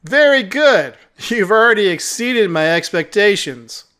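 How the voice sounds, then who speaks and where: Snarky talking cat in a game, high and lively, sneers at you, guy doing the voice. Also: a little slow, full character voice. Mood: smug. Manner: condescending, mocking.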